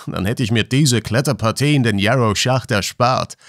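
A man's voice: mid-range voice, moderate pace, a bit bright, dry recording, studio quality, close to an everyday voice. A man voicing a cheerful young male miner who laughs easily and talks merrily, in a storybook reading. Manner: merry, laughing.

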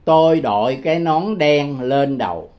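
Slow, patient man teaching. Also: a little high, animated, a little mellow. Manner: repeats phrases slowly and patiently, chuckling often. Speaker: English teacher. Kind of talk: casual spoken language lesson.

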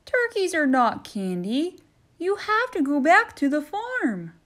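A woman's voice: high voice, wildly swooping pitch, takes it slowly, fairly bright tone, voice pushed up, full character voice. A woman doing a bossy, stern elf. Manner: stern, commanding, firm. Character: bossy Christmas elf guarding the gate.

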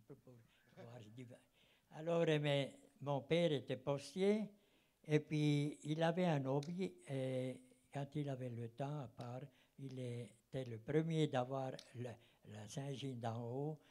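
A man's voice: mid-range voice, unhurried, warm tone. Old guy in his 80s, foreign swiss german accent, rambles and hunts for words, reminiscing on a mic in a cinema. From German-speaking Fribourg countryside, Switzerland. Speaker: audience member, former travelling cinema operator. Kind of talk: reminiscing at a public round table. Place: seated in a cinema auditorium. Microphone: handheld microphone.

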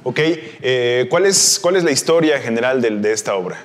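A male presenter guides viewers through a school cultural program, his voice clear and friendly at a mid pitch. The sound carries a long reverb from the hall around him. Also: lively intonation, normal speed. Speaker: host.

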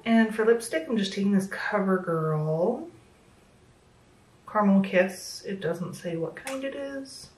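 Expressive and a little slow, a woman in her thirties speaks at medium pitch with a darkish tone while casually chatting through a makeup tutorial at home. She's self-deprecating, uses many fillers, and is slightly losing her voice, so it sounds a little worn. Roomy echo from the small room, a bit of mic distance and slight background noise color the recording.

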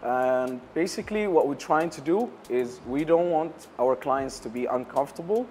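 A man's voice: on the high side, normal speed, a little mellow, a little hiss or hum. Hesitant young Syrian man, lapel mic. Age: young adult. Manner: hesitant, many uh fillers, non-native English grammar. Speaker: barbershop owner, interview guest. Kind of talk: interview answers. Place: lounge area of a barbershop, indoors.

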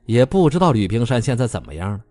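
Lively male audiobook narrator. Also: medium pitch, fast, dry recording, faint music behind. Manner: animated, comic storytelling. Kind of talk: scripted storybook narration.

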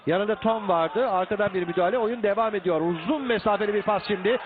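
Male football commentator, high-pitched, excitable play-by-play with raised voice, tinny phone-like sound over light noise. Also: quick pace, crowd noise. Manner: raises his voice to shouting at attacks. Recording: tinny phone-like band, some outdoor background noise.

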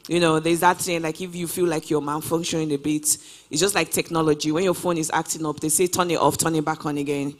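A woman in her twenties with a deep voice talks fast while answering interview questions on stage, holding a mic in a large auditorium. She is a guest traveler, and her fairly even delivery is upbeat and easygoing, full of "you know" fillers.

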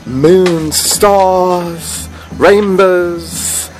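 A middle-aged tarot reader hosts a handheld vlog along a fairground lane lined with stalls at a Renaissance fair, speaking in flamboyant, theatrical, mock-archaic courtly language. His voice sits high with fairly even intonation and drawn-out words, recorded on a phone at arm's length with soft background music.

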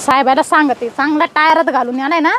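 Woman as a shrill, bright-voiced police madam, domineering and scolding, comedy skit. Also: slight background noise. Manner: scolding, domineering, rapid-fire questions. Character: strict bossy female police officer, middle-aged.

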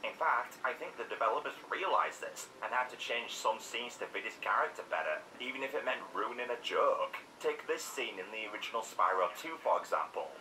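A man's voice: mid-range voice, lively intonation, a little fast, hardly any pauses. A man narrating a scripted critical game review in a sarcastic, opinionated way. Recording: echoey room, distant mic, faint noise.

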